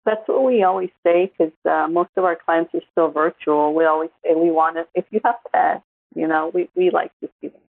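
Woman, low gravelly voice, casual podcast chat, dry tinny phone-line sound. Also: steady tone, fairly quick, dry recording. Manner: chatty, laughs easily, many fillers. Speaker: podcast co-host.

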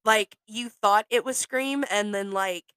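A woman's voice: medium pitch, measured pace, a bit bright, clear, resonant tone, no room sound. A woman co-hosting a podcast, chatting casually and with enthusiasm. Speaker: podcast co-host. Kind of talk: casual chat.

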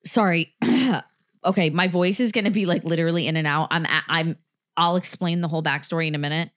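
A podcast host in her thirties talks in a candid, rambling way and laughs through her words. Her voice sits a little low for a woman. She is hurting from back spasms as she speaks. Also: fairly even intonation, brisk, a bit bright. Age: 30s. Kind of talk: casual chat.

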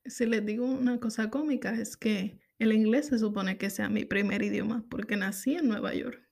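A woman's voice: medium pitch, fairly even intonation, normal speed, creaky, a little mellow. A woman in her thirties from Puerto Rico with a Puerto Rican Spanish accent, hosting a podcast in a candid, reflective personal monologue. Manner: candid, reflective, repeats phrases. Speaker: podcast host.

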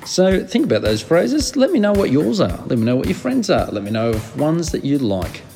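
A man's voice: a little high, big pitch swings, normal speed, vocal fry, warm tone, big-room sound, faint music behind. A man hosting a podcast in a casual, informal and slangy way. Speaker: podcast host.

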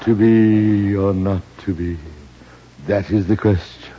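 Pompous, slow-spoken old thespian. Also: male voice, on the low side, fairly even intonation, a crowd in the background. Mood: soothing, grandiose. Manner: pompous, declamatory. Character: pompous older theatrical thespian, grandly patronizing. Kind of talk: 1950s radio comedy acting. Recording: muffled, very noisy old radio recording.

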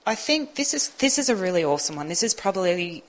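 A woman's voice: medium pitch, big pitch swings, fast talker, low-quality recording. A woman, a radio guest speaking earnestly and explaining her ideas with emphasis. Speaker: guest on a radio talk show. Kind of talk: conversational advice talk.

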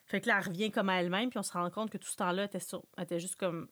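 A woman with a Quebec French accent, casually chatting as she retells a film's plot and lively acting out what the characters say. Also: mid-range voice, rapid-fire, dry recording. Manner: animated storyteller, acts out characters' lines. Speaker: film recapper.

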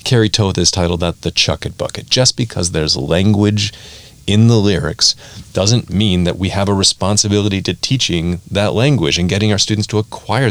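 Low-voiced man explaining with emphasis. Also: creaky, fairly bright tone, dry recording. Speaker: podcast guest, language educator and songwriter. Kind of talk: casual explanatory interview talk.

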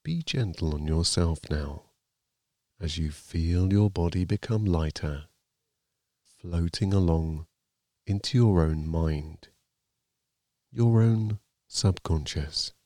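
A man narrating a guided sleep meditation like a sleep story, in a calm, soothing, gently measured manner. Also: low voice, no room sound, clean studio sound.

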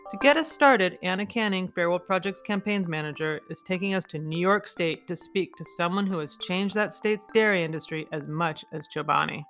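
A woman's voice: on the low side, normal speed, few pauses, fairly bright tone, soft background music. A woman narrating a scripted podcast introduction as its host. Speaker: podcast host, advocacy group director.

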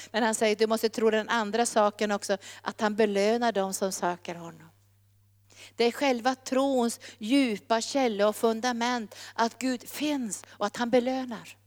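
A woman's voice: on the high side, big-room sound. Fervent woman preaching a sermon. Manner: emphatic, rising to fervent calls.

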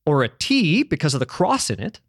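In a clean studio recording with no echo, a man talks excitedly about the history of languages, his fairly high, creaky voice swinging widely in pitch at a brisk clip. He rambles casually, restarting often and cursing now and then. He's a native English speaker who also spoke French growing up at home.

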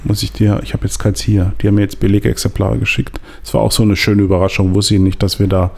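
A man with a gravelly edge to his voice talks about his work in a loose, casual chat. He rambles, restarts his sentences and leans on fillers as he goes. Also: fairly low pitch, little pitch movement, quick pace, darkish tone. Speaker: photographer and podcast co-host.

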